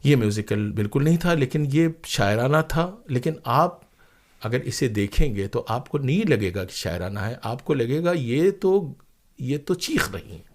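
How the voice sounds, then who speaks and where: With a sing-song lilt, a medium pitch and an unhurried pace, this Indian playwright and onetime radio broadcaster speaks as an interview guest. He tells his stories earnestly and reflectively, repeating phrases for emphasis and posing rhetorical questions.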